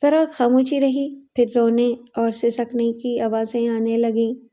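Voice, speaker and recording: A woman narrating a dramatic family story in a steady, expressive storytelling manner. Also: fairly high pitch.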